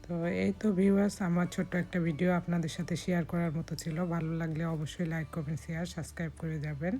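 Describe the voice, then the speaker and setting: Low hoarse woman narrating a recipe. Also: rapid-fire. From Bangladesh. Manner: calm step-by-step instructions. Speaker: cooking vlogger.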